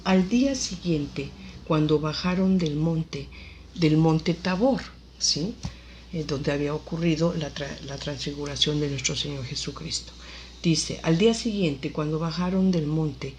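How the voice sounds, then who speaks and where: Woman Bible teacher, low voice, unhurried reading with fillers. Faint background noise. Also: darkish tone. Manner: reads scripture aloud slowly, with fillers and self-corrections. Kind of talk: Bible lesson with scripture reading.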